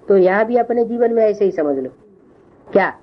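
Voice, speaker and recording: A woman teaching a religious scripture lesson, often pausing to question and tease her listeners. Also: medium pitch, expressive, dull audio, background noise. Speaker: spiritual class teacher.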